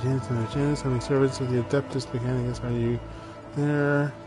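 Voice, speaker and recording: A man's voice: medium pitch, level tone, fairly quick. Man reading game dialogue over music. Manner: reads game dialogue aloud, stumbling over words. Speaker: video game streamer. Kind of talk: let's play commentary.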